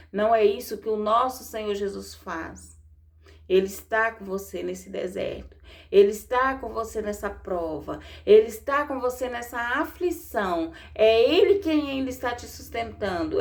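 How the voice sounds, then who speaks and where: Fervent gravelly Brazilian woman preaching. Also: medium pitch. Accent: Brazilian Portuguese. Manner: fervent, repetitive, addresses listeners as "gente". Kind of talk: devotional exhortation.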